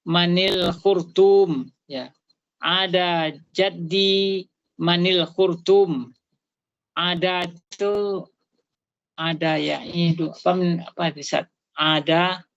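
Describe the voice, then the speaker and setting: A woman student reading and translating a text aloud on an online call, slow and halting, with many fillers and self-corrections. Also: fairly low pitch, steady tone, creaky, dull audio. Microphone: online video call.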